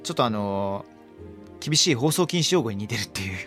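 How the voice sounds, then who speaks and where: A man's voice: fairly low pitch, expressive, brisk, fairly bright tone, faint music behind. A man from Somerset, England, co-hosting a casual bilingual podcast as an English teacher, playful and chatty, mixing English and Japanese.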